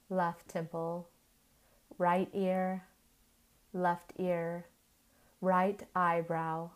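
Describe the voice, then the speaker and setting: Measured short phrases and long pauses shape this yoga nidra relaxation, guided by a woman who soothes like a sleep story narrator. Her voice is lowish.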